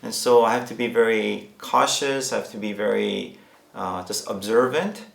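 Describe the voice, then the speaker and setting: A man with a Korean American accent, a pastor answering informally and haltingly, mixing Korean words into his English. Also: lowish voice, creaky. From United States. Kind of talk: informal interview answer in church. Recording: roomy echo.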